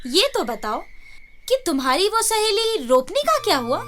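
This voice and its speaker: A woman's voice: very high voice, very animated, music in the background. A woman playing a teasing, playful friend. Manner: teasing, slow, lilting. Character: playful friend asking questions.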